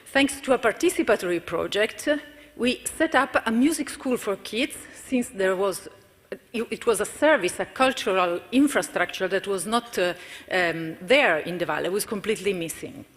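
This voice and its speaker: A woman's voice: mid-range voice, expressive, moderate pace. A woman giving a conference presentation for her community cooperative, hesitant with fillers and restarts. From Italy. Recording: reverberant conference hall.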